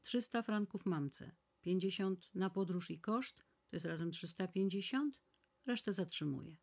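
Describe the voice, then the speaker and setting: A woman's voice: fairly low pitch, a little slow, pitched above the performer's own voice. A woman reading aloud voices an irritable, headstrong young woman who snaps orders. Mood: snappish. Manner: snappish and commanding.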